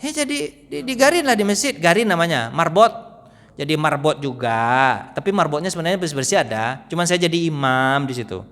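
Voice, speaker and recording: A man preaching a morning study sermon in a mosque, chatty and full of questions to the audience, often acting out the people he quotes in a lower voice. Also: animated, brisk, fairly bright tone. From West Sumatra. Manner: conversational, keeps asking the audience questions. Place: mosque hall. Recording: long reverb in a mosque hall.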